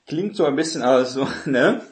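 A man's voice: medium pitch, animated, normal speed. A man preaching a Bible-teaching sermon in an explanatory way, checking in with listeners through constant tag questions and restarting his sentences. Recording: echoey room.

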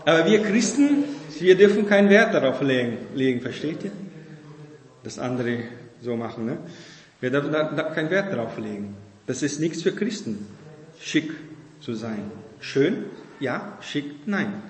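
A man's voice: a little high, lively intonation, a little slow, a little hiss or hum. Man preaching in an echoey hall. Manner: conversational preaching with frequent "ne?" tags. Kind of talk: sermon. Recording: echoey hall with long reverb.

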